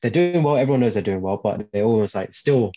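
Rapid, low-voiced young British man, dull audio. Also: lively intonation, warm tone. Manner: repeats phrases. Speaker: football podcast co-host. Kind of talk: casual football discussion.

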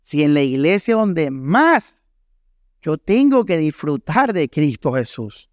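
A man's voice: on the high side, sing-song, slow, dry recording, studio quality. Emphatic preaching man, Colombian coastal accent. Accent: Colombian Caribbean Spanish. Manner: emphatic preaching with rhetorical questions to the congregation. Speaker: pastor. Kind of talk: sermon. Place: church hall.

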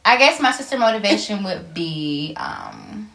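A woman in her late twenties co-hosting a podcast, talking loudly and projecting her voice in casual, joking chat. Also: medium pitch, huge pitch swings, unhurried, gravelly. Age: late 20s. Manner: loud, projecting voice; playful, bursts into song. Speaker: podcast co-host.

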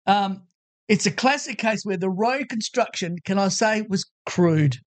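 Older male, late 60s, broad Australian, notably high voice. Casual, blokey storyteller with a joking streak. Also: measured pace. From Australia, Adelaide. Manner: blokey, joking, salty slang. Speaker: featured guest on a talk show. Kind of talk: casual chat, anecdotes.

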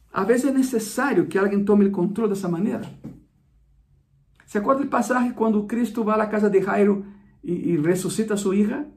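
A man's voice: high voice, darkish tone. A man preaching a sermon, reading Bible verses and explaining them with asides, corrections and frequent rhetorical questions. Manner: expository, asides and self-corrections. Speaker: pastor.

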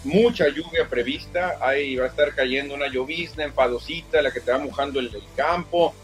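A man's voice: medium pitch, fairly quick, soft background music. A man giving casual radio baseball commentary, chatty and emphatic. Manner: chatty, emphatic, tags lines with "¿eh?". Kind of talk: casual radio sports talk.

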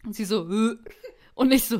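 A woman's voice: fairly high pitch, moderate pace. Young woman telling a story. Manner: animated storyteller, often bursts into laughter. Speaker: podcast co-host. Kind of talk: casual podcast chat, storytelling.

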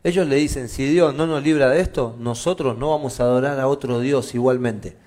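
A middle-aged man with a Rioplatense Spanish accent, preaching a conversational sermon to his congregation with jokes and loud, emphatic peaks. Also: medium pitch, brisk. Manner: swings from quiet asides to loud emphatic preaching. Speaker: pastor. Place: church meeting room with a congregation.

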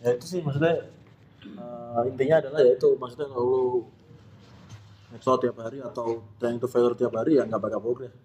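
A man's voice: mid-range voice, fairly even intonation, a little fast, mellow, highs cut off. A man hosting a casual podcast discussion, summarizing points and passing the turn to others.

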